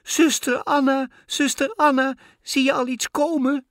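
A man voicing a frightened young wife who cries out in a high, shrill, trembling voice in a fairy tale. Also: normal speed, no echo, studio quality, lightly acted.

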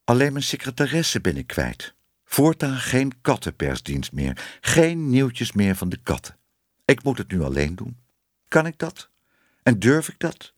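A man voicing a shy, kind young male reporter in a storybook, talking softly to himself. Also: medium pitch, big pitch swings, unhurried, no echo, studio quality. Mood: brooding.

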